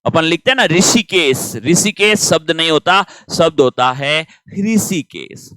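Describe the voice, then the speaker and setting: A man's voice: a little high, animated, normal speed, pushed and bright, clear, resonant tone, no echo. A man teaching grammar in a patient classroom manner, asking questions and answering them himself.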